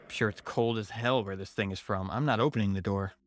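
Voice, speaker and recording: A man's voice: fairly low pitch, fairly quick, dry recording, clean studio sound. A man narrating a scripted first-person horror story in a wry manner.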